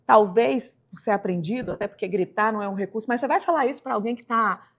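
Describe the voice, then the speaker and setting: A Brazilian woman hosting a casual interview podcast. She thinks out loud in a reflective way and keeps checking in with "né". Now and then she jumps to a sharp, emphatic rise to drive a point home. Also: on the high side, fast. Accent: Brazilian Portuguese. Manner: reflective, with frequent "né" tags and sudden emphatic rises. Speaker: podcast host.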